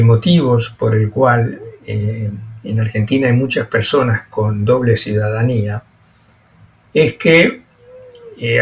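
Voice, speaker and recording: Speaking over a slide presentation, a man explains his topic in a mid-range voice. He stops often and repeats words, so his lecture comes out haltingly.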